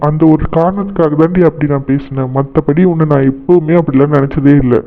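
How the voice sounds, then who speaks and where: A doting young cartoon fiancé, voiced by a man, coaxing and teasing in a high voice. His words come through a thin, phone-like band. He pleads playfully rather than argues. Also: fairly quick, close to an everyday voice.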